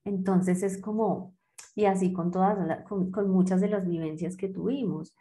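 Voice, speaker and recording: A woman's voice: mid-range voice, fairly even intonation, moderate pace, warm tone. A woman giving a reflective talk, who strings phrases into long lists with many fillers and restarts. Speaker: guest speaker on childhood wounds.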